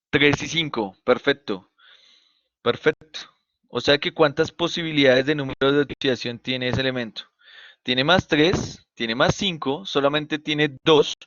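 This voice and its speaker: A male teacher with a Colombian accent leads an online lesson at a middling pitch. He is patient and walks his students through each step, posing questions and then answering them himself. The sound is dry and a bit dull, like a computer mic on a video call. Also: a bit bright, dry recording. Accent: Colombian Spanish. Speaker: chemistry teacher. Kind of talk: online class lecture.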